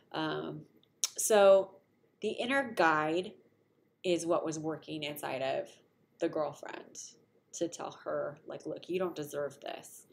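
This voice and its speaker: A woman's voice: sits low, vocal fry, slight background noise. A middle-aged woman giving a casual recorded lecture to college students, conversational with frequent fillers. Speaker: college instructor.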